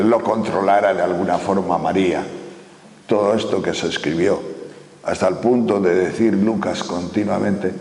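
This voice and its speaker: Gravelly old preacher man in echoey hall. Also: lowish voice, darkish tone. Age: 80s. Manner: earnest, rhetorical questions, repeats words while searching. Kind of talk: sermon. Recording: echoey hall with long reverb.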